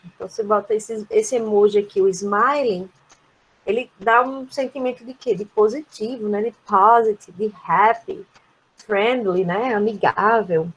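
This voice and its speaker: A woman's voice: fairly high pitch, slight background noise, rough recording. A woman with a Brazilian Portuguese accent, reviewing an English lesson for online students and explaining each word, often adding "né?". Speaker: English teacher.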